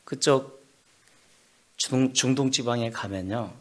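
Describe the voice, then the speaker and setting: Dramatic male pastor with a husky voice. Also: medium pitch, slow pace. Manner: dramatic storytelling, from hushed asides to loud bursts. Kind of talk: sermon.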